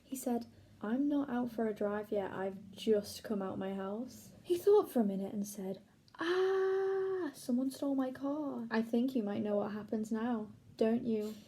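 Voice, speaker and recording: A young woman reading silly stories aloud in a mock-boastful, deadpan comic style, with playful voices for the characters. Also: fairly high pitch, moderate pace, breathy edge, poor audio. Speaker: comedic self-styled author reading her own stories.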